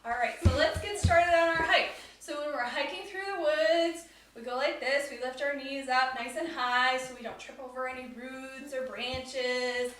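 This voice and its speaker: A woman's voice: high-pitched, normal speed, a bit bright, heavy reverb, far from the mic, slight background noise, rough recording. A woman leading a family yoga class, upbeat and instructive as she talks children through the poses. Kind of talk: guided kids yoga class.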